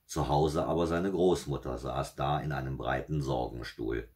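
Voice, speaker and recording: A man calmly reading a fairy tale aloud at an unhurried pace. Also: very deep voice. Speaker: storyteller.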